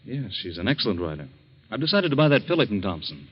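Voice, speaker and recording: A breezy, scheming husband. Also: male voice, on the low side, very animated, quick pace, husky, lo-fi sound. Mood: offhand. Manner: casual, breezy, offhand. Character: smooth, scheming husband, middle-aged. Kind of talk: 1940s radio acting. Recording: scratchy 1940s radio recording.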